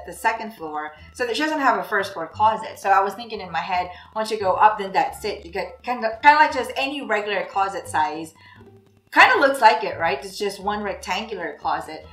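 Bright-voiced, animated woman, roomy sound. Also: mid-range voice. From Philippines. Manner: animated, exclaiming and gesturing. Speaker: reaction video host. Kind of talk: casual reaction commentary. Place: small room indoors at a desk. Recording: roomy echo, faint music behind.

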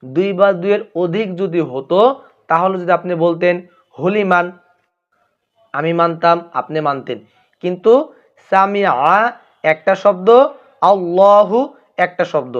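A man's voice: high-pitched, a little slow, pauses often, dull audio. A man giving a religious lesson on pronunciation, repeating each phrase carefully and addressing his listeners as honored friends. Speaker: religious teacher.

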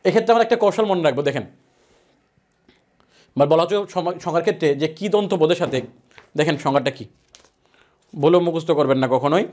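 A man's voice: fairly high pitch, quick pace, long pauses, darkish tone. A man teaching a grammar lesson, asking questions and answering them himself. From Bangladesh. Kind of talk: classroom lecture.

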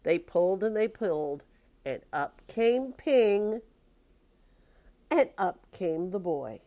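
Older woman, a grandmother reading a picture book aloud; slow, expressive delivery, middle pitch. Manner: expressive, drawn-out storytelling.

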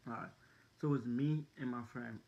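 Young male vlogger, loose slangy storyteller, mid pitch, dull lo-fi recording. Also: steady tone, a little fast, darkish tone. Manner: rambling, many "like" and "dude" fillers, slangy. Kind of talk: casual storytelling to camera.

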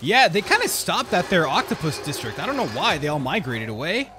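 A man giving casual gameplay commentary, excitable and slangy, talking straight to his viewers as bro and dude. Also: fairly high pitch, fairly quick, background noise. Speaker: gaming YouTuber.

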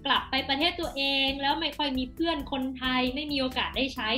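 A young Thai woman with a high-pitched, bright voice hosts a casual interview as a language teacher. Her Thai accent carries through, and music plays behind her. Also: fast. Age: young adult. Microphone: desk microphone on a video call.

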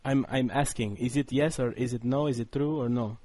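Prank-call character: a man playing a clueless Russian man fresh off the plane, thick fake accent, halting broken English, dry close sound. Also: medium pitch, fairly even intonation, mellow, no echo, close to an everyday voice. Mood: faux naive. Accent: put-on Russian accent. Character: bumbling Russian man newly arrived, feigning naive broken English. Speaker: prank caller.

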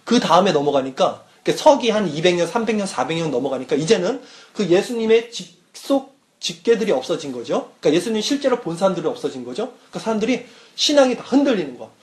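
A man's voice: high-pitched, big pitch swings, fast talker. A young man, a youth pastor, giving a casual sermon to students and often checking whether they follow. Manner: casual teaching, asks listeners questions.

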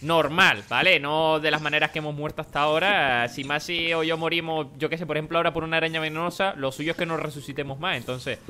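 A man with a Spain Spanish accent hosting a game, talking in quick, jumpy banter and yelling warnings. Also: on the high side, steady tone, a little hiss or hum. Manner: rapid, jumpy, yells warnings. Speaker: gaming channel host. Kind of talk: excited let's-play banter.

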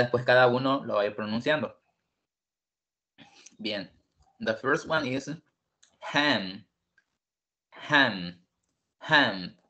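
A man's voice: medium pitch, a bit bright. A man teaching an online English lesson, patiently repeating each word several times. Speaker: English tutor.

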